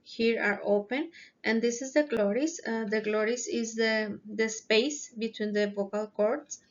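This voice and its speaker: A woman narrating a lesson over slides, explaining carefully and often pausing with hesitations. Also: a little high, steady tone. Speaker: presenter explaining phonetics. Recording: dull, lo-fi recording.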